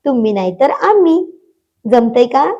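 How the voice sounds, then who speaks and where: A woman's voice: a little high, big pitch swings, moderate pace, warm tone, dull audio. Teasing young man, as a woman narrator voices him. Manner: teasing, coaxing.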